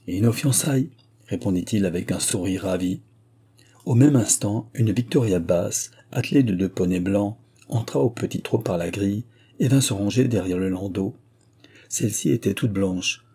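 A man reading a novel aloud in scripted narration, measured and even. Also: low-pitched, husky. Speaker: audiobook reader.

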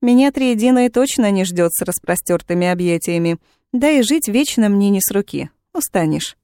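A woman's voice: medium pitch, lively intonation, moderate pace, warm tone, smooth, no room sound, studio quality, natural voice. Woman playing a sarcastic captive witch. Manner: sarcastic, cool, mocking.

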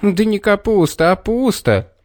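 A man's voice: high-pitched, big pitch swings, a little slow, no echo, clean studio sound, voice pushed up. A man reading a storybook, voicing a hapless young village boy who mumbles and whimpers. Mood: insistent shouting. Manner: whiny, pleading.

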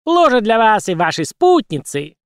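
A man voicing a shrill, pushy male puppet showman with a squeaky, birdlike voice. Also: normal speed, clean tone, dry recording, clean studio sound, exaggerated voice. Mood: exclaiming. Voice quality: squeaky, high birdlike chirp. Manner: grandly flattering, exclamatory barker. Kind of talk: audiobook character voice.

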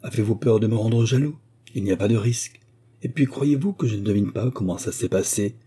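A man's voice: lowish voice, fairly quick, warm tone, husky. A man reading the part of a smug, married middle-aged notary who presses his suit with cajoling questions. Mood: wheedling.

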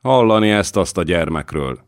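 Brief: sly scheming old voivode, insinuating, deep-voiced storybook figure, read by a man. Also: animated, no room sound, studio quality.

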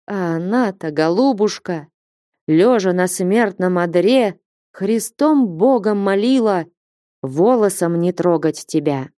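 A woman voicing a stern, grieving old male merchant who scolds and threatens slowly in a storybook reading. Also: on the low side, expressive, mellow, no echo, studio quality. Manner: reproachful, threatening.

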